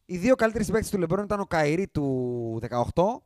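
Guy on a sports pod, kinda high voice, super animated, dry close mic. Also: dry recording. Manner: animated, emphatic, quick swings in loudness. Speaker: podcast host. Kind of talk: casual sports chat.

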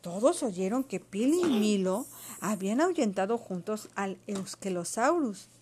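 A woman reading a children's storybook aloud to a child, expressive and patient. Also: mid-range voice, unhurried, background noise.

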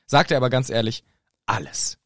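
A man's voice: medium pitch, animated, normal speed, no room sound, studio quality. A man co-hosting a podcast, casually retelling a book chapter and playfully putting on voices for quotes. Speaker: podcast co-host.

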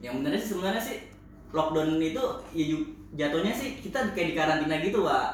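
Young man, Jakarta accent, slightly high voice, casual podcast co-host explaining, heavily echoey room. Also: animated, a little fast. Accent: Jakarta Indonesian. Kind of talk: casual explanatory group chat. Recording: very echoey room, faint noise.

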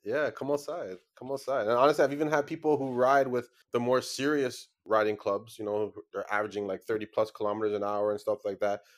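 A man's voice: medium pitch, steady tone, brisk, few pauses. A man chatting casually as a podcast guest, using street slang and repeating himself for emphasis. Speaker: podcast guest, cycling club founder. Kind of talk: casual chat.

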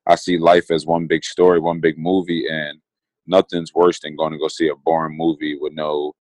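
Thinking aloud on a relaxed podcast he co-hosts, a twenty-something man talks with earnest reflection, often circling back to rephrase himself. His very deep, low voice is slightly mellow, moves little in pitch, and keeps a normal speed, captured close and dry without any room sound.

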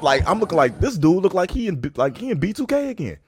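A man co-hosting a casual podcast, telling stories in an animated way with many restarts. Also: high-pitched, fast, faint music behind. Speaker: podcast co-host. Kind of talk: casual chat.

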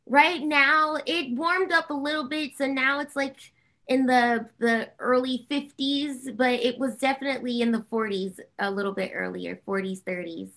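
A woman chats casually as a guest on an interview show. She is effusive and talkative, with a higher-than-average pitch that often drops into creaky fry. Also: steady tone, normal speed, a bit bright. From Harlem and New Jersey, US. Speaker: interview guest, singer and actor. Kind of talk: casual, chatty interview answers.

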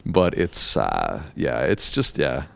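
A man's voice: a bass voice, very animated, slow pace, gravelly, a bit bright, no echo. A middle-aged man talking casually as a podcast guest, blunt and joking, swearing now and then. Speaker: guest, hair educator.

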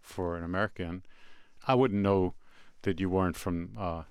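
A man's voice: sits low, fairly even intonation, normal speed, clear, resonant tone, dry recording. A man hosting a music podcast, introducing guests and asking curious questions in a radio studio. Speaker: podcast host.

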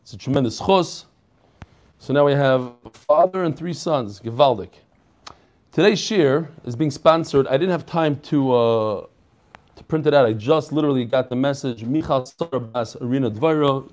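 A man giving a casual daily Talmud class, joking and animated, often restarting and correcting himself, with Hebrew and Yiddish terms mixed in. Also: mid-range voice, moderate pace. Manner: frequent restarts and self-corrections. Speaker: Talmud teacher.

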